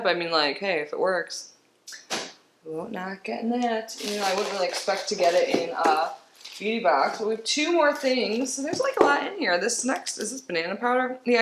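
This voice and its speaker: This woman's voice is medium in pitch and a little bright, though stuffy and congested. She rambles casually, laughing now and then, as she unboxes a beauty box in a roomy space with faint background noise.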